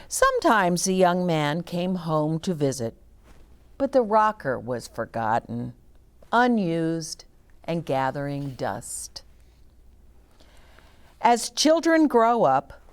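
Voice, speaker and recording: A low-pitched woman hosts story time, reading a children's storybook aloud and adding short explanatory asides for young listeners.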